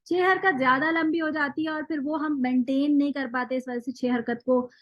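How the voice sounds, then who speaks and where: High-voiced woman teaching recitation. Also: steady tone, moderate pace, dry recording, lo-fi sound. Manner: patient, explains step by step with recited examples. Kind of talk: online class lecture.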